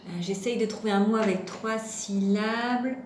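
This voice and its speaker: Young woman, preschool teacher, slow and patient sing-song delivery, echoey room with faint hum. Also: medium pitch, steady tone. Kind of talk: home-schooling lesson for young children. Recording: roomy echo with faint background hum.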